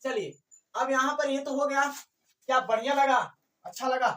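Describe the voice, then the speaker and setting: A woman gives a biology classroom lecture, repeating each point, firing rhetorical questions at the room and mixing in English terms. Her voice is a little high, steady, moderately paced and a bit bright. She sits some way from the mic in an echoey room, so she sounds distant and roomy.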